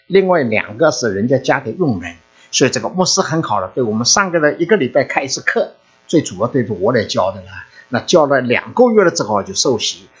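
Old guy w/ telling his church testimony, pitch jumps all over, a bit husky, muffled lo-fi sound. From China, Shanghai and Zhoushan. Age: older. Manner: animated storytelling, lively swings in pitch and loudness. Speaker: church member giving testimony. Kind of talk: personal faith testimony to a congregation. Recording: muffled lo-fi recording.

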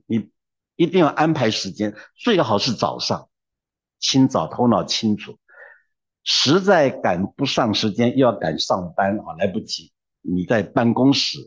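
A man's voice: on the low side, husky, highs cut off. A man preaching a sermon, emphatic and exhorting, who drops into humorous storytelling.

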